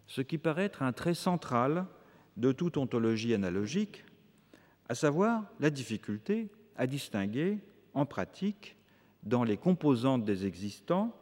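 A man giving a formal academic lecture, reading long measured sentences with occasional hesitant fillers, before an audience in a lecture hall. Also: medium pitch, sing-song, a little mellow.

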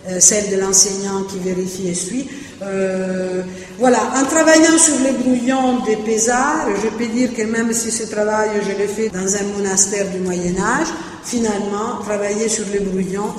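Woman lecturer, academic talk, hesitant with fillers, booming echo, long hall reverb. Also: darkish tone. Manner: hesitant, many fillers and restarts. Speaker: lecturer on translation. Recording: very echoey hall, faint noise.

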